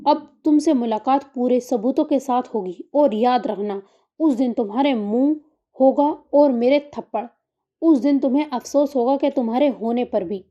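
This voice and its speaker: A woman's voice: high voice, dark tone, lo-fi sound, lightly acted. A woman reading the lines of a brooding, vengeful young man who makes clipped, menacing threats, in an audiobook story. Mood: threatening.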